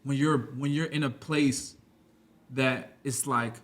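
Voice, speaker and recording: Here a twenty-something man, a guest on a podcast, rambles casually in a mid-range, slightly bright voice. He speaks slowly in a steady tone and keeps saying "you know what I'm saying."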